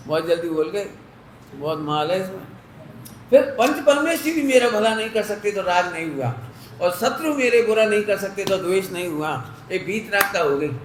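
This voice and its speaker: A man's voice: sits high, roomy sound, slight background noise, poor audio. A man giving a religious discourse, explaining with homely everyday examples and asking listeners whether they follow. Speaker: Jain preacher.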